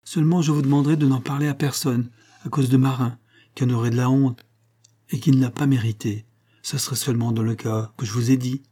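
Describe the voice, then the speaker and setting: A man's voice: mid-range voice, steady tone, a little fast, dark tone, husky, lightly acted. A man reading aloud voices a feverish, dying young country woman who speaks earnestly and breathlessly. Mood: pleading.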